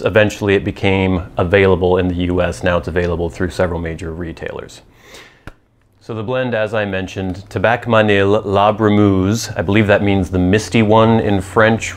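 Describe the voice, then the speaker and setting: A man in his thirties talking to camera in an informal, matter-of-fact product review, explaining details as he goes. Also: on the low side. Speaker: pipe tobacco reviewer. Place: small indoor room with cloth backdrop. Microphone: lapel mic.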